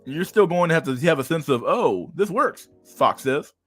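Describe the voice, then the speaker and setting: High-voiced, mocking man in his thirties. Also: expressive, normal speed, fairly bright tone, no room sound, faint music behind. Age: 30s. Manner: mocking, crude, laughs often, reads an article aloud then rants. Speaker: streamer reacting to an article. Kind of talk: casual livestream commentary.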